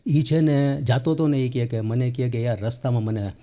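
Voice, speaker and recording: A man's voice: mid-range voice, fairly even intonation, normal speed, warm tone. Male comedian, folksy chatty joke teller, middle voice. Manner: chatty, addresses listeners as sir, acts out voices. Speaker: stand-up comedian. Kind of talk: comic joke telling.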